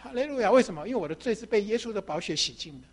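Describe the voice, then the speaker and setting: A woman preaches a sermon with storytelling flair. Her voice swings widely up and down in pitch as she asks the congregation questions. She acts out the voices of the people in her story. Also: racing. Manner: animated storytelling with rhetorical questions.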